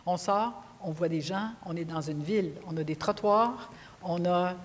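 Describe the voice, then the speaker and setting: A retired judge from Quebec, Canada, a woman in her sixties with a Quebec French accent, speaks unscripted on an auditorium stage during a panel discussion. Her voice is fairly low and her pace moderate. The hall is reverberant, with a noisy background.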